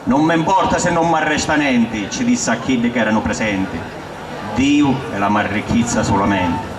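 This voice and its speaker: A man with a thick Sicilian accent recites dialect verse aloud like a storyteller, declaiming line after line. His mid-pitched voice reaches a distant microphone in a roomy, echoing space. There is clear noise behind him. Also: normal speed.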